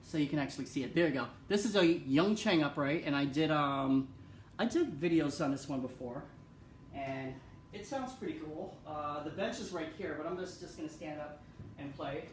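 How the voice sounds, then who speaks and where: A man's voice: on the high side, moderate pace. A man giving a casual tour of his home pianos, rambling and repeating himself with many ums. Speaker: piano vlogger. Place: room in a house. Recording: echoey room, far from the mic.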